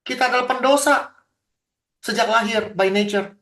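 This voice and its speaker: A man's voice: extremely high pitch, normal speed, a bit bright. A man, a pastor leading a teaching discussion over a video call, talking in an emphatic, indignant way and acting out quoted exchanges.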